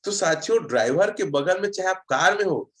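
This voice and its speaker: A man, pitched a little high, leads a relaxed online road safety session. He rambles through personal stories and reads out viewer comments as he goes. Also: fairly quick. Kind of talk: casual online session talk.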